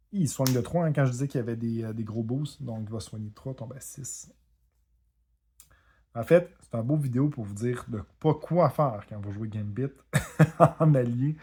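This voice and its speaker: A man with a Québécois French accent casually commenting on his own card game as he plays, self-deprecating and quick to apologize for his mistakes. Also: medium pitch, dark tone. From Quebec. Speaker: board game video host.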